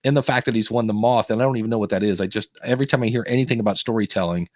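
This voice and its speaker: Animated man hosting a podcast. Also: on the low side, racing, no echo, studio quality. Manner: animated, acts out quotes in shifting voices. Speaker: podcast coach and host. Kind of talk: casual podcast chat.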